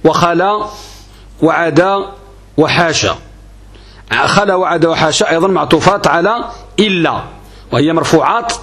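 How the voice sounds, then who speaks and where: A man's voice: a little high, moderate pace, pauses often, a bit bright. A man gives a grammar lesson on a classical text. He is methodical, putting questions to his class and answering them himself. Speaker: religious teacher.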